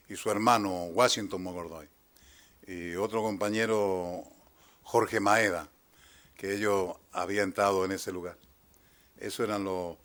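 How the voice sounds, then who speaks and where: A man in his sixties with an Argentine accent, giving halting courtroom testimony as a trial witness and often trailing off quietly. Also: fairly low pitch. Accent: Argentine Spanish. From Chile, raised in Argentina. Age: 60s.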